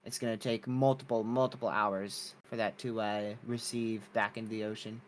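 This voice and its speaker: A man's voice: lowish voice, level tone, moderate pace, a little hiss or hum. A man hosting a weather livestream, giving casual live commentary on a storm as it unfolds.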